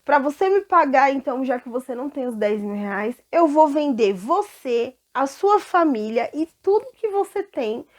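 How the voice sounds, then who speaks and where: A woman voicing a stern king who speaks firmly and slowly. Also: high-pitched, lively intonation. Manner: firm, loud and slow.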